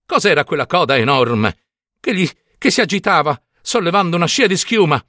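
Brief: bright-voiced male storyteller, dry close recording, dramatic reading. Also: fairly high pitch, fairly quick, no room sound. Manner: expressive, animated delivery.

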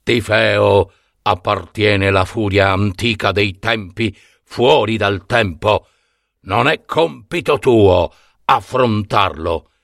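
A mighty, stern sea god, as a male narrator plays him, speaking slowly with grave command. The voice sits in a steady mid range and sounds dry, in a storybook reading. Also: fairly low pitch, gravelly, no room sound, heavily acted.

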